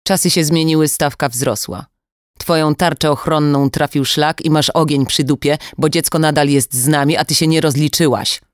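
A woman's voice: sits low, fairly even intonation, normal speed, dry recording, close to an everyday voice. A narrator voicing a cold female kidnapper who mocks with a falsely sweet tone, in a dry audiobook recording. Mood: irritated. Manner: icy, mocking, falsely sweet. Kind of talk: audiobook dialogue.

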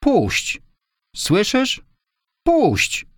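A man's voice: mid-range voice, wildly swooping pitch, drawn-out words, dark tone, no room sound, studio quality, voice pushed up, exaggerated voice. A man voicing a young woman in a storybook reading, her lines cried out and pleading. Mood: frightened pleading. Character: young woman, frightened then admiring.

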